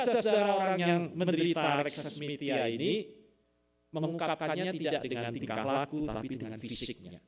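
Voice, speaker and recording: A man preaching a sermon, addressing the congregation with rhetorical questions, often tagging lines with a questioning "ya" and rising into sudden emphatic bursts. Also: fairly high pitch. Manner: animated, sudden loud emphatic rises.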